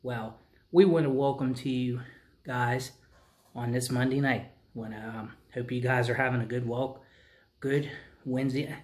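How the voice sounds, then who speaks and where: A man in his forties chatting casually to viewers as host, with halting delivery. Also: medium pitch, fairly even intonation, darkish tone. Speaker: host, ventriloquist.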